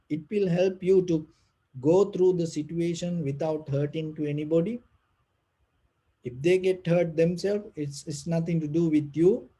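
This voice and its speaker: Man, non-native English speaker, soft breathy voice, mellow tone, slightly high pitch, gentle halting spiritual teaching. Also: poor audio. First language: not English. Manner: gentle, halting, with frequent pauses and repeated phrases. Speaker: meditation teacher giving a Dhamma talk. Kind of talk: unscripted spiritual talk.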